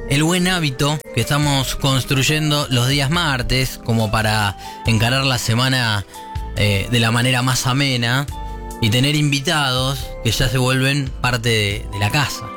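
A man's voice: mid-range voice, unhurried, over music. A man with an Argentine accent hosting an evening radio show, chatting loosely with many fillers and restarts. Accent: Argentine Spanish. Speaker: radio host. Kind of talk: casual radio chat.

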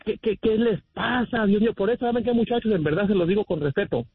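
A man's voice: high voice, animated, fast talker. A Mexican man calling in to a radio show, opinionated and preachy, often addressing the hosts as "muchachos". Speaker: caller. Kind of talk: phone-in rant. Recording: tinny phone line.

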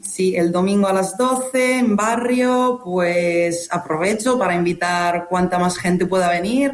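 Cheerful Italian woman, roomy sound. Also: fairly low pitch. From Italy. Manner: cheerful, laughs often, talks in quick bursts. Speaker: volleyball team captain. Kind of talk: radio interview.

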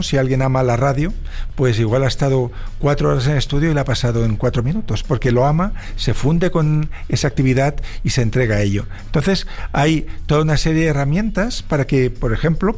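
A man from Barcelona speaks with a Spain Spanish accent as a guest author in an interview. His voice sits at a middle pitch. He talks in a relaxed, reflective way and often tags his sentences with a questioning "right?". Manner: reflective, with frequent tag questions. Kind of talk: relaxed explanatory interview talk.

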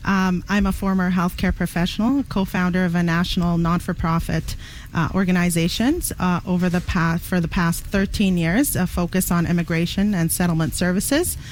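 A middle-aged woman from Iraq, a council candidate, answering interview questions earnestly with many pauses and fillers. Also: lowish voice, fairly even intonation, low-quality recording. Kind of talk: radio interview guest.

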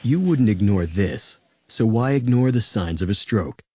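A man's voice: on the low side, expressive, unhurried, over loud music. A man reading a scripted informational radio announcement in a serious, direct way. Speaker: public service announcer.

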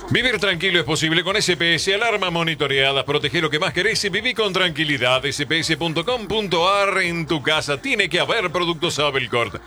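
A man's voice: fairly high pitch, lively intonation, fairly quick, few pauses, sharp tone, faint music behind. An Argentine man reading radio ads in a punchy announcer delivery. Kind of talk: radio ad reads.

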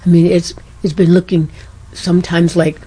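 Older woman with a dark, husky voice. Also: lowish voice, level tone, moderate pace. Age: 70s. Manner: rambling, storytelling with laughs and self-corrections. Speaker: radio guest.

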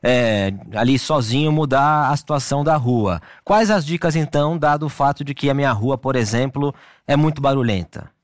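A man's voice: medium pitch, normal speed, dry recording, clean studio sound. A man hosting an interview, asking his guest questions in a conversational way. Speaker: interview host.

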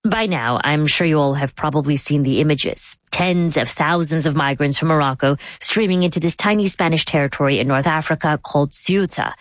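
A woman hosting a news podcast, speaking in a measured, conversational way. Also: sits low, dry recording. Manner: measured, conversational delivery with some fillers. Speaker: podcast host. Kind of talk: radio news presenting.

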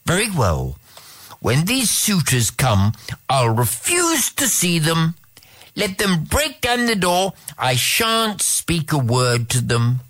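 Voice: medium pitch, very animated, slow pace, fairly bright tone, voice pushed up. A reader voicing a sad, stubborn young princess in a storybook tale, speaking in a despairing yet resolute way. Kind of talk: storybook reading.

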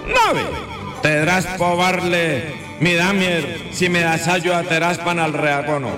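Over clear background music, a high-pitched man performs as a radio comedy storyteller. His words are playfully scrambled into nonsense syllables. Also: unhurried. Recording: music playing behind the voice.

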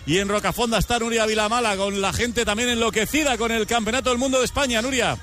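A man hosting a live sports broadcast, handing over to reporters and pundits with rapid-fire excitement. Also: very high voice, slight background noise. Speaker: sports show host.

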